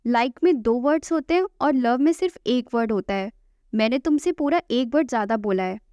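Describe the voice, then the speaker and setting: A woman's voice: fairly high pitch, expressive, fairly quick, dark tone, no room sound, natural voice. A woman voicing a playful, flustered young heroine, reading her lines plainly in a storybook recap. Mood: teasing. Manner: quoted plainly in the narrator's own voice. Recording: dull lo-fi, dry.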